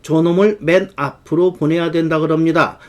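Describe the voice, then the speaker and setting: Brief: higher-voiced male grammar teacher, lively, drags out the examples. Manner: lively explainer, slows right down to spell out English examples. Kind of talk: online grammar lesson.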